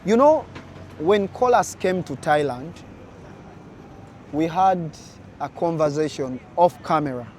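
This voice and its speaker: A young man from Uganda talking casually to camera as a vlogger, slow, deliberate and earnest, addressing his viewers directly. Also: a little high, animated, darkish tone, slight background noise.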